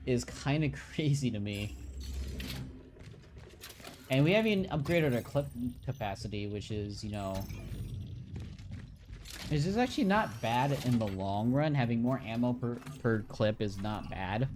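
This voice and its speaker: A man with an ordinary, mid-pitched voice chats loosely through his gameplay, thinking aloud and reacting as he goes. His talk is offhand and unhurried, like someone mostly talking to himself. A faint hiss sits behind him. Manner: relaxed, talks to himself as he plays. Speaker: let's play gamer. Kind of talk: casual gameplay commentary.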